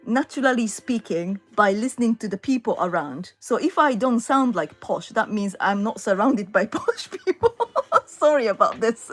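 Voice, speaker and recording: A middle-aged woman from Japan with a Japanese accent hosts a casual livestream chat from home, reading out viewer comments and answering them. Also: mid-range voice. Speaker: livestream host and singer. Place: home in London.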